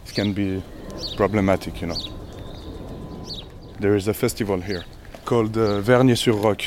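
A man working with kids, talking casually outdoors in halting, non-native English with many fillers. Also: fairly low pitch, steady tone, background noise. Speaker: youth worker. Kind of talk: casual interview. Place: outdoors in a neighbourhood.

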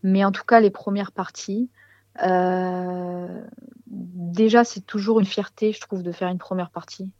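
A woman's voice: fairly low pitch, fairly even intonation, measured pace, darkish tone, no room sound, lo-fi sound. A woman answering as a musician in a casual interview, hesitantly searching for words.

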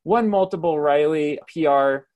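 A man's voice: a little high, measured pace, darkish tone. Man hosting a video panel. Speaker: host and moderator. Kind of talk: scripted introductions and interview questions.

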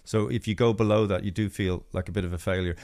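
Man, 50s, comedic podcast co-host, halting delivery with outbursts. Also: lowish voice, fairly even intonation. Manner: halting, many restarts, sudden loud outbursts. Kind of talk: casual comedic chat.

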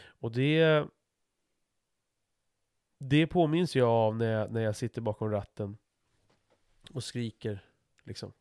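A man's voice: medium pitch, fairly even intonation, long pauses, a little mellow, no room sound, studio quality. A middle-aged man talking frankly in a casual conversation, swearing freely and restarting his sentences as he thinks aloud.

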